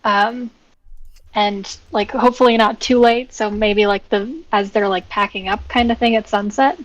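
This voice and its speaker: A woman's voice: medium pitch, steady tone, moderate pace, lo-fi sound. A woman playing a tabletop game who asks questions hesitantly, with many fillers. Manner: hesitant, full of likes and ums. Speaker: player.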